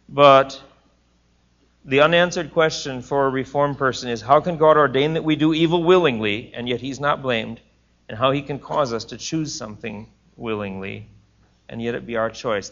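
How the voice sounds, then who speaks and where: A bright-voiced man of medium pitch leads a class discussion, lecturing and asking questions. He's earnest and thinks aloud, restarting his sentences, on a muffled recording.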